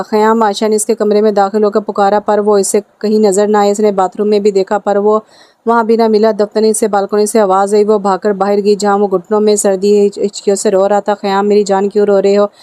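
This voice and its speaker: Female audiobook narrator, even and mellow delivery, dry close sound. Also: mid-range voice, no echo. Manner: steady, even reading with small slips. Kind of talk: romance novel narration.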